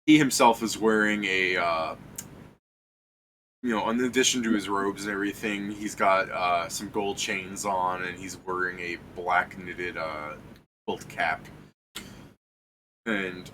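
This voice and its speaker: A man's voice: sits low, fairly even intonation, unhurried, pauses often, pushed and bright, poor audio. A man working as game master, casually narrating with irreverent, sweary and hesitant descriptions. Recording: faint background noise.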